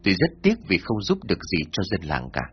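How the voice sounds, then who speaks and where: A man doing a calm wise traveler. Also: sits low, slightly rough, heavily acted. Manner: measured, courteous. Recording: dull lo-fi, faint music.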